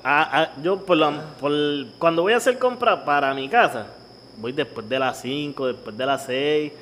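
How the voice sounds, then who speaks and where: Hombre puertorriqueño animado, voz aguda. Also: male voice, on the high side, normal speed, long reverb tail, slight background noise. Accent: Puerto Rican Spanish. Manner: animated, swearing, acts out old ladies in his stories. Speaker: podcast co-host. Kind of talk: casual chat.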